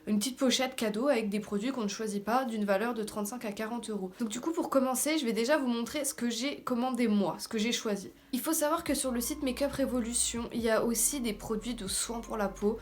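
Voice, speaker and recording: A woman's voice: fairly high pitch, fairly quick, hardly any pauses, a little mellow. A woman with a French accent, also on English words, giving an informal, slangy, self-deprecating beauty haul chat. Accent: French, heard also in her English. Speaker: beauty vlogger. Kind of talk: casual haul video chat. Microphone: camera in front of her with ring light.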